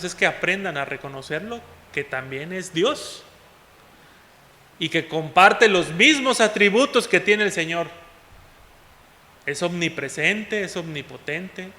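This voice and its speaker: A man preaching a sermon as pastor, often calling out to the congregation as "hermanos" and moving between loud and soft passages. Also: high voice, expressive, a little slow, slight background noise. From Mexico. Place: church hall. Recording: long hall reverb.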